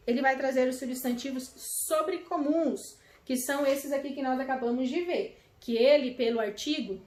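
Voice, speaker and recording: High-voiced Brazilian teacher, echoey room. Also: female voice. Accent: Brazilian Portuguese. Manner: affectionate, explaining slowly with fillers. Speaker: primary school teacher. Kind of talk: video lesson to children.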